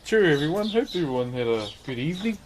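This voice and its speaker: Male streamer, broad Kiwi accent, relaxed slangy chat, slightly raised pitch, faint noise behind. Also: fast talker. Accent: broad New Zealand. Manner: laid-back, matey, slangy. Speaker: livestream host. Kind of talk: casual livestream chat.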